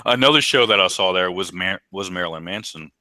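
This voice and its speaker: Deep-voiced male podcast co-host, bright dry sound, rambling casual anecdotes. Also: expressive, a little fast, no echo. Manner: rambling storyteller, many ums and restarts. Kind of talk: casual chat.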